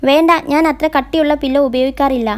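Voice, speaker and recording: A woman's voice: sits high, steady tone, fast, natural voice. Woman voicing a shy, flustered young girlfriend. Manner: shy, eager, a little flustered.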